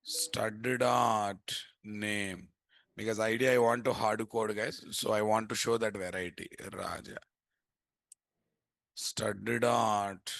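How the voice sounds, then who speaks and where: Teaching live code at a computer indoors, this Indian-accented instructor speaks at a measured pace in a fairly low, level voice with vocal fry and a fairly bright tone. There is no echo, and he regularly asks rhetorical questions, repeating "what" often.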